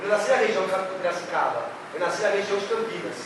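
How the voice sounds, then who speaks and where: Speaking fast in a high voice, a São Paulo-accented Brazilian man teaches literature in an animated, theatrical exam-prep lecture aimed straight at his students. He's recorded far from the mic in an echoey, noisy hall.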